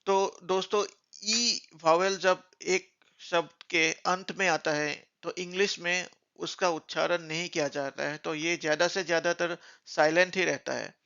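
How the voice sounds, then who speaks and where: A man teaching beginner English in a lesson, speaking slowly and spelling words out letter by letter. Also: on the high side, steady tone, creaky, sharp tone, dull audio.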